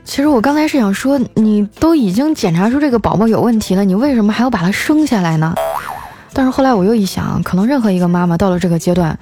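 A woman's voice: medium pitch, expressive, quick pace, warm tone. A woman podcast host reading listener messages aloud and answering them in a playful, teasing way. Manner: playful and teasing, often laughing. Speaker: radio-style podcast host. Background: faint background music.

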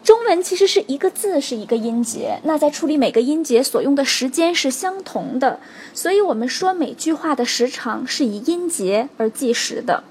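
A woman teaching a spoken English lesson, explaining stress rules clearly and stopping to check in with her students. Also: high voice, animated, darkish tone, a little hiss or hum. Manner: explains slowly and clearly, stressing example words, checks in with "OK?" and "right?".

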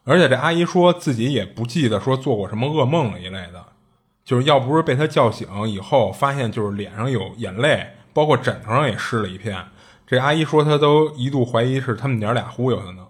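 A man with a husky, slightly breathy voice tells a spooky anecdote in a relaxed, conversational way. He talks in a chatty, colloquial manner, doubling back on his words as he goes. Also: mid-range voice, brisk. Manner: chatty, colloquial, with frequent restarts and asides. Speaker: storyteller. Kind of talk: casual retelling of strange tales.

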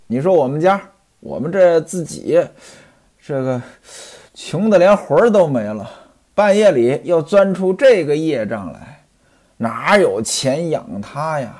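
A man's voice: fairly high pitch, lively intonation, a little slow, a little mellow. A man voicing a poor, wheedling middle-aged hanger-on who pleads and complains in a storyteller's acted dialogue. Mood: complaining.

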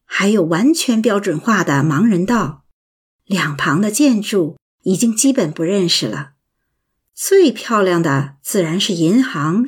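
Slow, husky woman reading prose. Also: medium pitch. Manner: slow, lilting, expressive reading. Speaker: narrator reading an essay. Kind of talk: scripted prose narration.

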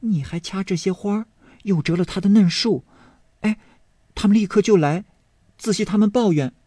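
A man's voice: high-pitched, normal speed, mellow, no room sound, clean studio sound, voice pushed up. A man putting on a pert, pleading servant girl. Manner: pleading, indignant.

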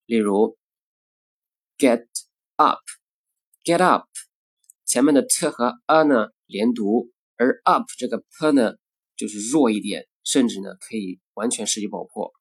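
A man teaching pronunciation in a recorded lesson, speaking deliberately and repeating example words slowly and carefully. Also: lowish voice, slightly rough.

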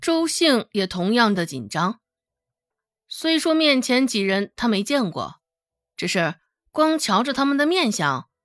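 A woman narrating a serialized novel in an expressive, dramatic storytelling manner. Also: fairly high pitch, no room sound, studio quality. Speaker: audiobook narrator.

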